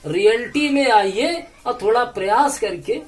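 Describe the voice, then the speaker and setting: A man with a notably high voice teaches an English lesson. He explains patiently, spells words out letter by letter and repeats each phrase slowly. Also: expressive. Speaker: English tutor. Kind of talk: bilingual language lesson.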